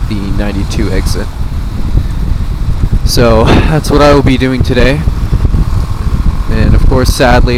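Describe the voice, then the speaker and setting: An American man chatting casually and sarcastically inside a motorcycle helmet as he rides, narrating in a loose, rambling way with some swearing. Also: fairly low pitch. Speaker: motorcycle vlogger. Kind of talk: casual rambling commentary while riding. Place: outdoors, riding a motorcycle on a freeway. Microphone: helmet comm system microphone. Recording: helmet comm mic, clear vehicle and road noise. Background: traffic and vehicle noise.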